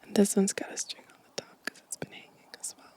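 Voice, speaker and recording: Speaking close to the mic in a soft, breathy voice that stays mostly at a whisper, a woman hosts an ASMR video. Her show and tell is gentle and unhurried.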